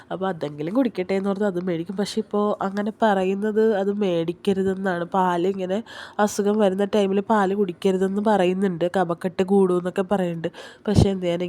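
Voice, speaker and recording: Feverish young mother, mellow chatty vlog. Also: on the low side. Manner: chatty and rambling, often turning to the viewers. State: feverish and unwell. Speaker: family vlogger, mother of two small children. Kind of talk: casual vlog chat to viewers. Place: hospital room.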